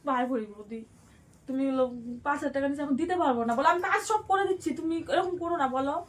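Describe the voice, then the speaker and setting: A woman's voice: high-pitched, fast talker, recorded from a distance, low-quality recording. A woman playing a housemaid in a staged home skit, defensive and pleading with her employer.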